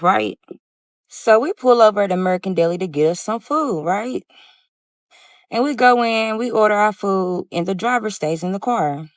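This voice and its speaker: A woman's voice: medium pitch, dry recording. A woman telling her own story in the first person, casually and often calling her listeners "y'all".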